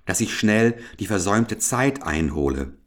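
A man's voice: lowish voice, big pitch swings, unhurried. A man voicing a poor, modest and honest young maid who answers timidly in a fairy tale reading. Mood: humble.

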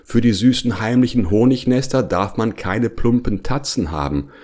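A man's voice: lowish voice, normal speed, darkish tone, voice pushed up, natural voice. A man voicing a plump, sly older male bear who coaxes and then sulks, in a children's storybook reading. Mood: coaxing. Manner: coaxing, later sulky and spiteful.

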